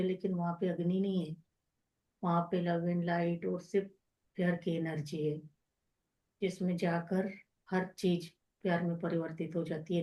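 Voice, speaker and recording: A woman on a video call telling her teacher, in the present tense, what she saw while meditating, speaking softly and addressing him as sir. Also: lowish voice, low-quality recording. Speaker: meditation participant sharing her experience. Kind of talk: personal account of a meditation vision.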